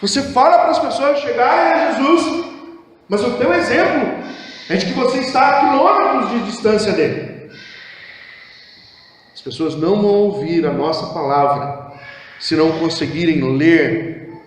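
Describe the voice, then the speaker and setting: A man with a Brazilian Portuguese accent preaching a sermon as pastor, with impassioned delivery that swings between hushed low phrases and raised exhortation, recorded in a church hall. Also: normal speed, long pauses, slight background noise. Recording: echoey church hall with long reverb.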